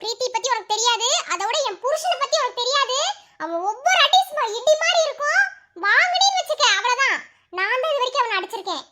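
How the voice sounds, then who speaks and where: A woman's voice: very high-pitched, big pitch swings, quick pace, sharp tone, full character voice. A woman voicing a feisty, scolding young kidnapped wife in a combative, melodramatic comic story. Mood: threatening.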